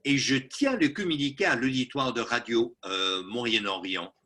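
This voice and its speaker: A Texan political analyst speaks in a radio interview, his voice medium in pitch with a sharp tone. He is emphatic and insistent, slowing down and stressing phrases to drive his points home.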